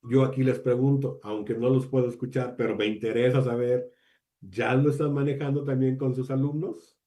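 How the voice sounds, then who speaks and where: A man presenting an online training talk for teachers, measured and addressing the audience directly with questions. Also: medium pitch, steady tone, warm tone. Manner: measured, uses deliberate pauses, asks the audience questions.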